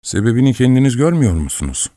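A man voicing a withdrawn young male copyist in an audiobook, speaking flatly, slowly and curtly. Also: medium pitch, dry recording, studio quality, pitched above the performer's own voice, natural voice. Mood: detached. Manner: flat, detached, slow and curt.

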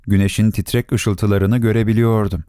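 A man reading a story aloud as narrator, in an expressive, melodic storytelling manner. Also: on the low side, normal speed, no echo, studio quality.

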